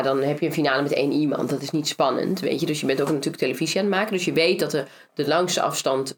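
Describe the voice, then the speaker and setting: A woman with a notably low-pitched voice talks casually as an interview guest. She is from the Netherlands and tells her story lively, leaning on fillers along the way. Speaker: interview guest, former reality show finalist. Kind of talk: casual conversation.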